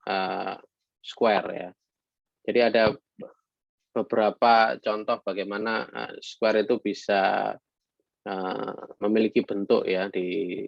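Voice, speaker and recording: A man with a low, gravelly voice gives a lecture, pausing often and filling gaps with hesitant sounds. He slips into read-out English phrases now and then. The sound is dull and lo-fi, in a dry room with no echo. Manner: halting, many fillers, mixes in read English phrases. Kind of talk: online lecture.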